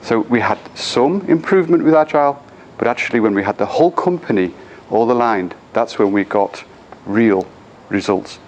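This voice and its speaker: A middle-aged Englishman with an English accent gives an engaging conference talk in a conference room, frequently asking the audience questions. His voice is on the low side and a little mellow, at normal speed, though the audio sounds dull.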